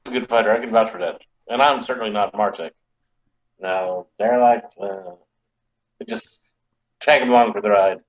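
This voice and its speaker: A man's voice: fairly low pitch, normal speed, long pauses. A man playing a tabletop role-playing game with casual joking banter, on slightly lo-fi audio.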